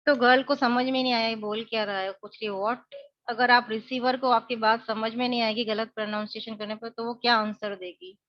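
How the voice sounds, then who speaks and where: A woman's voice: a little high, little pitch movement, no room sound, lo-fi sound. A woman teacher, explaining an English lesson in Hindi mixed with English. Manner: slows right down on English phrases.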